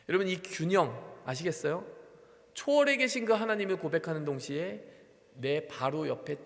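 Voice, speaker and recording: A man's voice: high-pitched, fairly bright tone. A male pastor preaching a sermon to young adults in a church, acting out quoted prayers with sighs and laughter. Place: church sanctuary. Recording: long hall reverb.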